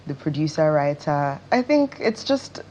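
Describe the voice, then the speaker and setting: Being interviewed on television, a Nigerian-accented stage actress chats casually in a low, slightly mellow voice with big swings in pitch. She talks a little slowly, and there's slight background noise.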